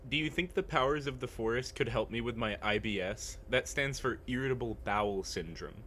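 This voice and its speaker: A man's voice: mid-range voice, fairly quick, fairly bright tone, slight background noise. A man chatting casually as he plays a game, informal and jokey. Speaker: game player. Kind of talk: casual gaming chat.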